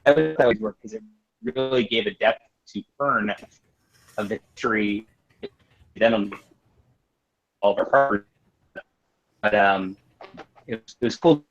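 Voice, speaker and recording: A man on a video call, author guest in a casual livestream chat, talking haltingly with restarts while his audio breaks up and drops out. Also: fairly low pitch. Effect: choppy, dropping call audio breaking up. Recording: dull, dry lo-fi call audio.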